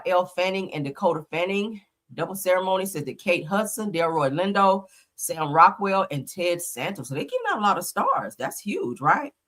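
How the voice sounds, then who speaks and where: On a casual live stream, a woman with a mid-range voice and sharp tone chats easily with her audience, sniffling from a slight cold. She greets viewers often and says "y'all" as she talks.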